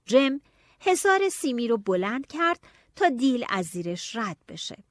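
A woman narrating a novel in the first person, telling it in a lively, expressive way. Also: on the high side, no echo. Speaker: audiobook narrator.

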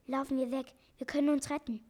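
A woman's voice: high voice, level tone, fast talker, mellow, natural voice. Doktor Eibolitz, a woman doing a kind brave doctor. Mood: earnest.

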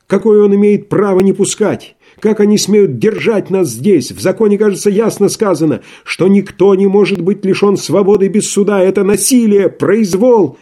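A man voicing an enraged male asylum inmate who shouts hoarsely in an audiobook. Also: very high voice, drawn-out words, pitched above the performer's own voice, exaggerated voice. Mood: furious.

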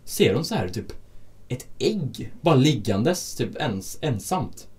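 A man in casual chat, recounting work stories about hotel breakfast guests, acting out the quotes and swearing often. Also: mid-range voice. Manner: animated storytelling with acted-out quotes; frequent swearing.

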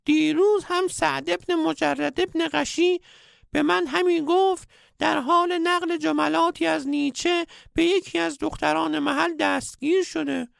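A man's voice: extremely high pitch, steady tone, creaky, a bit bright, no echo, studio quality, pitched above the performer's own voice, heavily acted. A man voicing a bossy old male sage in a comic story, scolding and prying as he talks. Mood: preachy.

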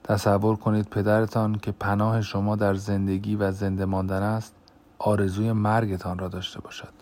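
A man narrating an audiobook in a measured, grave reading voice. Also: fairly low pitch, little pitch movement, a little mellow.

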